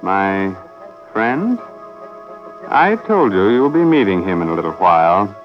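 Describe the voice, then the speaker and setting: An actor playing a courteous, sinister host of macabre radio tales, deliberate and theatrical. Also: male voice, low-pitched, big pitch swings. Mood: ominous. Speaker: horror show host. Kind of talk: old radio horror host and narrator. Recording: dull old radio recording with music.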